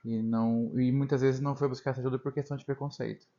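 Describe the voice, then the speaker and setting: A Brazilian man hosting a casual interview podcast. He speaks quickly and agreeably, backing up his guest and tacking on little tag questions. His voice is of middling pitch, and the sound is slightly dull and muffled. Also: level tone, warm tone. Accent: Brazilian Portuguese. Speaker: podcast host.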